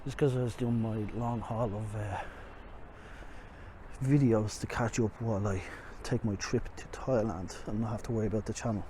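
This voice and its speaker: A man's voice: on the low side, fairly even intonation, normal speed, mellow. An Irish man giving a casual, rambling, self-deprecating walking tour commentary outdoors, speaking through a face mask. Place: outdoors on city streets by a river. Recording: noisy outdoor street, traffic ambience. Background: street and vehicle noise.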